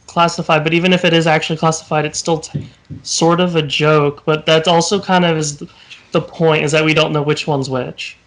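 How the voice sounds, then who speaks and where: A man's voice: a little high, fairly bright tone, rough recording. A young man co-hosting a casual podcast chat, puzzling things through aloud and overthinking them. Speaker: podcast co-host.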